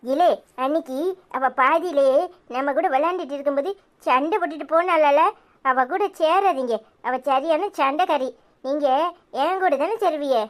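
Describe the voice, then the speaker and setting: A woman's voice: high-pitched, moderate pace, lightly acted. A woman voicing a bossy, sulky little village girl in a cartoon, with a Tirunelveli Tamil accent. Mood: coaxing. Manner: coaxing, complaining. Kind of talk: cartoon voice acting.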